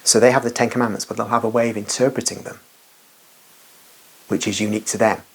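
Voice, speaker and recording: A man talks through religious questions in a rambling, unscripted monologue. His voice sits a little low and sounds husky, and he leans hard on his points. He keeps breaking off for asides and restarting his sentences. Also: fairly even intonation, quick pace.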